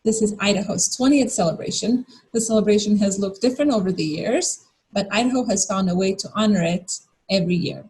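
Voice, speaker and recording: Woman co-host from Bosnia and Herzegovina, slightly breathy, friendly welcome read. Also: mid-range voice, fairly quick, darkish tone, low-quality recording. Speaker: event co-host. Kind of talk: scripted welcome address.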